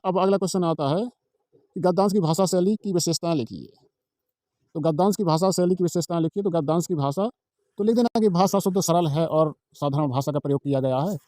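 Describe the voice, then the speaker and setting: Fast-talking male exam tutor. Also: on the high side, warm tone, no room sound, studio quality. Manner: repetitive, asks and answers his own questions; walks through a page, pointing at lines. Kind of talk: informal exam-prep tutorial.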